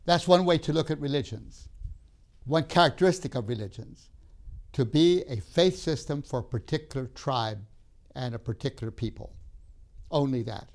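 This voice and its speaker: In a recorded lecture at a seminary, an older man who grew up in Tanzania speaks with deliberate emphasis, pausing, saying "uh" and starting lines over. His mid-range voice has a darkish tone and lively intonation.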